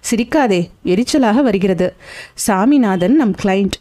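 A woman's voice: medium pitch, animated, measured pace, dark tone. A woman voicing an impatient, scolding male lawyer who bosses his assistant. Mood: irritated. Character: irritable sharp-witted male lawyer boss. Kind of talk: audiobook character voice.

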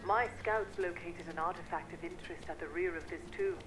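A woman's voice: fairly low pitch, brisk, reverberant, noisy background, lightly acted. An actress voicing a stern female villain commander who gives cold, clipped orders in a game. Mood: taunting.

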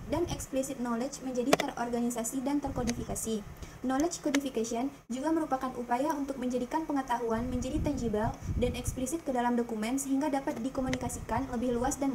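A young woman, a student, reads her slide presentation aloud at an even, careful pace, working through lists. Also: high-pitched, background noise. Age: young adult.

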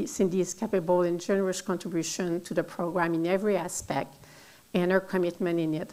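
A middle-aged woman with a French Canadian accent, a native French speaker, giving a formal welcome speech haltingly from notes at a podium. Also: on the low side, darkish tone, low-quality recording. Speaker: event speaker, associate dean of research. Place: auditorium at a podium. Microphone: podium microphone.

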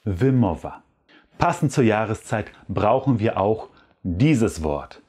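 Slow, husky man teaching pronunciation. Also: fairly low pitch, expressive, mellow. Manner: slow, careful pronunciation drills with repetition. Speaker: language teacher and channel host. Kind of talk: language lesson.

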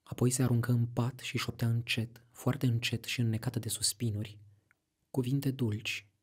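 Deeply husky male audiobook narrator. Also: flat delivery.

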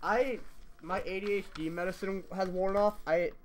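A man's voice: high-pitched, fairly even intonation, normal speed, slight background noise. A man streaming a video game and chatting casually, rambling and losing his train of thought as he plays. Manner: rambling, scattered, trails off mid-sentence; swearing, laughing it off. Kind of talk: casual chat while gaming.

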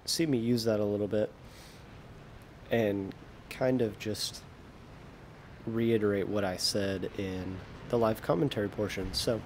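Relaxed low-voiced American gaming commentator. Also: male voice, unhurried, slight background noise. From United States. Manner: relaxed, self-deprecating, trails off mid-sentence. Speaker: gaming video creator. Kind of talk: casual gameplay commentary.

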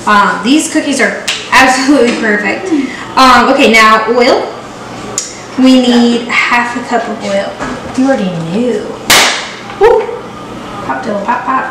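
Speaking at a measured pace in a fairly high voice, a young woman vlogger hosts a casual baking video, joking and chatting playfully and bubbly. The setting is her home kitchen, echoey and noisy, recorded by a camera set back from her.

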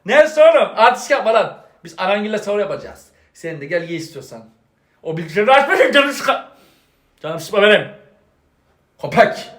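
A man's voice: sits high, big pitch swings, normal speed, a bit bright. A man playing a stern scolding father. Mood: lecturing. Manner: lecturing, exasperated, moralizing. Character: stern preachy middle-aged father, scolding. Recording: echoey room, faint music behind.

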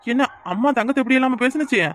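A woman voicing a gruff, short-tempered village husband. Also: sits high, steady tone, quick pace, slight background noise, natural voice. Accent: southern Tamil, Kanyakumari. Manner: gruff and demanding, snaps orders. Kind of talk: cartoon voice acting.

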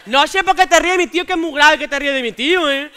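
A woman playing a cocky young Andalusian man from Jaén who heckles loudly from the audience, calling out to the teacher. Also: high-pitched, fast, a faint crowd. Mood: aggrieved. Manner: brash, indignant, keeps calling out "maestra". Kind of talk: stand-up character sketch on stage.

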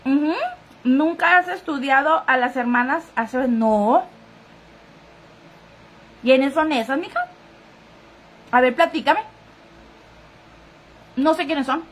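High-voiced woman gossiping live. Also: unhurried, pauses often, fairly bright tone. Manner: chatty, talking straight to viewers. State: sniffly, runny nose. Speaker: live-stream gossip host. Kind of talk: casual chat reading viewer comments.

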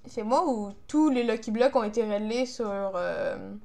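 A young woman with a Quebec French accent comments casually over her own gameplay. Her voice sits a little high. She sounds frustrated, grumbling and swearing about how the game is going. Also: measured pace, creaky, dark tone. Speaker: gamer, video creator.

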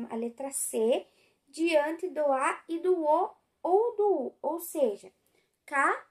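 Slow, high-voiced Brazilian woman teacher. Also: a little mellow. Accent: Brazilian Portuguese. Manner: patient, explanatory, stretches words slowly. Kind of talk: school lesson explaining spelling exercises.

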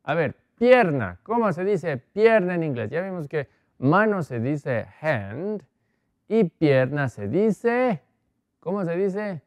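Man, slow patient teacher, repeats words, dry close mic. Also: a little high, sing-song, no room sound. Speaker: English teacher. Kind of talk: televised language lesson for Spanish speakers.

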